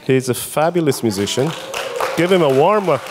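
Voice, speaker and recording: At a conference hall, a middle-aged man whose first language is Hebrew gives a chatty, self-deprecating talk to the audience, full of fillers and restarts. His voice is on the high side and expressive, at a moderate pace. Crowd noise and other background sounds are audible.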